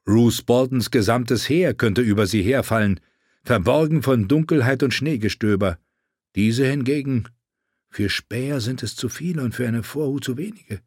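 A man narrates an audiobook in scripted narration, telling the story in a measured, even manner. His mid-range voice is studio quality with no echo.

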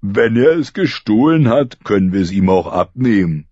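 A man's voice: lowish voice, very animated, moderate pace, darkish tone, dry recording. A man voicing a fat, sunburned orphan boy who greedily taunts and bullies. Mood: taunting. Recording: slightly muffled recording.

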